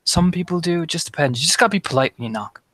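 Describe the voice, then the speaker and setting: A man's voice: fairly high pitch, animated, racing, bright, forceful tone, dry recording, voice pushed up. A man doing a breezy, friendly girl. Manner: pleasant, breezy. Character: friendly young woman lounging with her phone.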